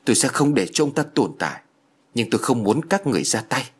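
A man's voice: medium pitch, sing-song, quick pace, breathy edge. A man voicing a stern, vengeful young female ghost in a spoken ghost story. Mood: insistent. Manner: stern, urgent.

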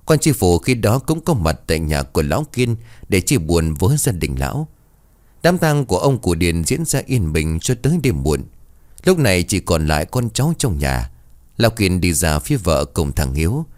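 A man tells a ghost story with expressive, dramatic delivery. His voice is deep and swings through a wide, lively pitch range. The recording is dry and close. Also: moderate pace, no echo.

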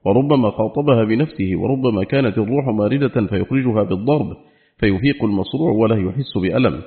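A man reading a religious book aloud in a formal, steady, measured recitation. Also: on the low side. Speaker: audiobook reader. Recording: narrow phone-like audio.

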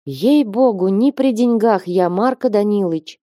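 A woman's voice: mid-range voice, measured pace, dark tone, no echo, voice pushed up, natural voice. Anxious male trader begging for time, trembling, dry close read, voiced by a woman. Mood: pleading. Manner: pleading, trembling.

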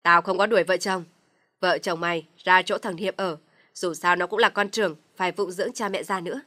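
A woman voicing an older father-in-law who gives loud, commanding orders to his family in an audio story. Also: on the low side, rapid-fire, no room sound, studio quality, lightly acted. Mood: stern commanding.

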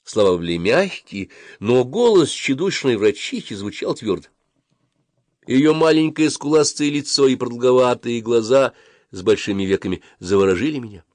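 A man narrates an audiobook with expressive storytelling, speaking at medium pitch and normal speed. There is no room sound.

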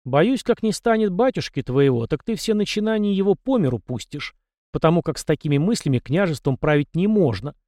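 A man reading an audiobook and voicing a stern middle-aged commander who scolds and scorns his young charge in a loud, raised voice. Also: on the high side, animated, a little fast, no echo, studio quality, pitched above the performer's own voice, lightly acted. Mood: contemptuous. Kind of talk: audiobook character voice.

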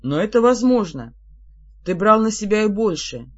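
The reader of an audiobook voicing an old male ghostly shadow, speaking in a hushed, pleading whisper. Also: medium pitch, big pitch swings, normal speed, highs cut off. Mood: coaxing. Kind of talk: audiobook character reading.

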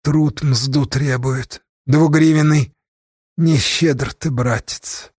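A man voicing a stern, grasping old village elder with a thin high voice that turns preachy and scornful. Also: fairly even intonation, slow pace, husky, no room sound, clean studio sound. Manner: preachy, scornful, rising to shrill shouts.

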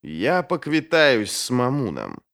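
A man's voice: mid-range voice, huge pitch swings, slow pace, gravelly, fairly bright tone, pitched above the performer's own voice, full character voice. A man voicing a powerful old male archmage who speaks in an imperious, cutting way. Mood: commanding.

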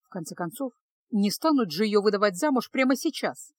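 Woman reading a fantasy audiobook, even steady voice, dry close sound. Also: medium pitch, fairly quick, no echo. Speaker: narrator. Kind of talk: audiobook narration.

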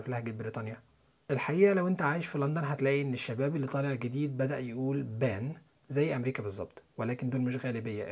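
A young man with an Egyptian Arabic accent, teaching English listening and pronunciation in a quick, chatty way. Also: medium pitch, darkish tone. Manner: quick, chatty lesson delivery with spelled-out letters and repeated example words.

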